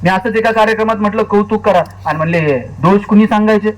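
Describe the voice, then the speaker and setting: A man's voice: quick pace, rough recording. A man speaking lecture style to an audience, telling humorous stories and acting out the dialogue in changing voices. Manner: storytelling, acts out quoted dialogue with shifting pitch. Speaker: public speaker. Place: stage at a lecture series before an audience.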